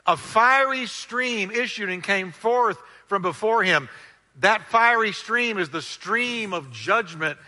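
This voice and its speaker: His voice sitting high and expressive, a pastor preaches a loud, dramatic sermon, drawing out and stressing words for emphasis. He leads the congregation in repeating phrases, all within a long hall reverb.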